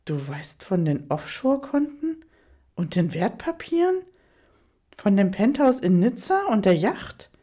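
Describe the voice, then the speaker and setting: A woman's voice: medium pitch, sing-song, measured pace, warm tone. A woman reading the part of a wealthy, cheating husband who pleads and placates as he is caught out. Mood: alarmed. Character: wealthy cheating husband, flustered middle-aged man.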